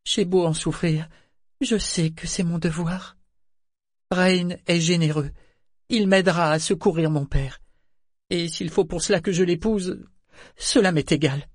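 A young noblewoman pleads through tears, her voice lifted high and carried on a breathy, faraway tone, put on by a man reading the story. She sounds dutiful and close to breaking. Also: moderate pace, darkish tone, no room sound, lightly acted. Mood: tearful, pleading. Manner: pleading, tearful.

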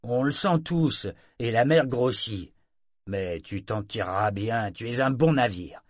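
A man reading an audiobook voices a weary ship's mate who answers curtly and gruffly. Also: mid-range voice, lively intonation, unhurried, no room sound, studio quality. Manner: gruff, curt.

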